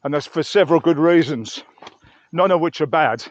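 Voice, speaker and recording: A man vlogs on a mountain trail, reviewing gear as he hikes and musing aloud in a chatty, rambling way to the camera. His voice is a little high at a normal speed, and the audio is dull with no room sound.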